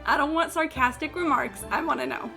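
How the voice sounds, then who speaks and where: A high-voiced woman livestreamer talks fast in a brisk, gravelly voice while video game music plays behind her. She's blunt and sweary, rambling through animated anecdotes in casual stream chat and saying "like" constantly.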